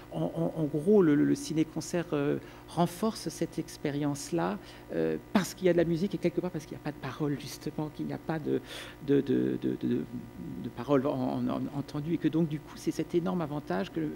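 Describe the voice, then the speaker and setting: A man from the audience puts a long question to the speaker, stumbling over repeated words as he searches for his point. His voice is gravelly and mellow, sitting a little high. A faint hum runs under the recording. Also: steady tone. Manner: halting, many repeated words while thinking aloud. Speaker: audience member asking a question. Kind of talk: conference question.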